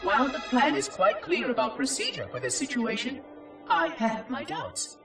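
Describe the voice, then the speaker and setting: An ancient robot caretaker speaks in a very high, synthetic, echoing voice, like a log entry in a sci-fi video game, using formal, exact, theatrical phrasing with sweeping intonation; he is fussy and dutiful yet curious and lonely. The heavily acted delivery is very animated at normal speed, with vocal fry and a fairly bright tone, sounding doubtful and wistful. The recording is distant and echoing, with music underneath.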